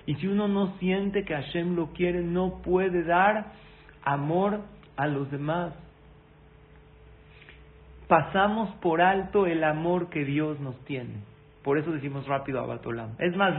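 A man giving a sermon-style lesson, asking listeners questions and speaking to them directly, with Hebrew terms woven into his speech. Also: a little high. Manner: weaves Hebrew terms into Spanish. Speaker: religious teacher. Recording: tinny phone-like audio with faint noise.

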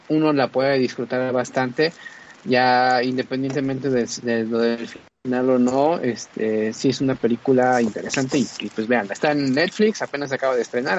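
A man's voice: mid-range voice, highs cut off, a little hiss or hum. A man reviewing a film in casual chat, rambling with many fillers and restarts.

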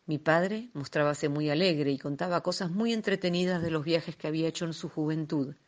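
A woman reading a classic tale aloud in a measured, expressive storytelling manner. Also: sits low. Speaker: reader.

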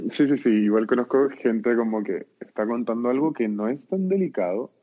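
A man's voice: mid-range voice, lively intonation, normal speed. Chatty young Chilean man, tinny line. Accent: Chilean Spanish. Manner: chatty, slangy storyteller. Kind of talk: casual chat.

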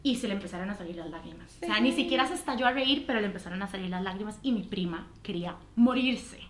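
A woman from Costa Rica with a Costa Rican accent, telling a story in animated, slangy casual chat. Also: mid-range voice, fast talker. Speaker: podcast co-host. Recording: echoey room.

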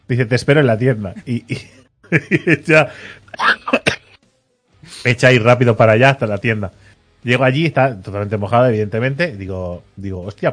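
A man hosting a podcast, telling a story in casual chat, acting out the people he quotes with a teasing edge. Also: medium pitch.

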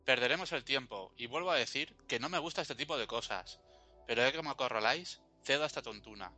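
Man playing a reluctant grumbling friend, bright-toned. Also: mid-range voice, quick pace. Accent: Spanish from Spain. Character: reluctant, uneasy young adult male friend. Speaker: friend at a Christmas gathering. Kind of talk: amateur radio drama acting. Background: faint background music.

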